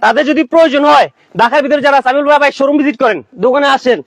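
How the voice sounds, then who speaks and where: A man pitching bedding on a live sales stream, pushy and repetitive, calling viewers brother. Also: very fast, no echo. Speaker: shop seller.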